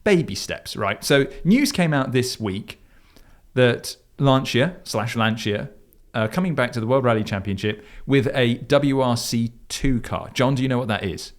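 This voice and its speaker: A man's voice: medium pitch, lively intonation, a little slow. Home Counties Englishman chatting about cars. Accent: southern Surrey, Home Counties English. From southern Surrey, England. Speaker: podcast co-host. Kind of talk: casual car chat.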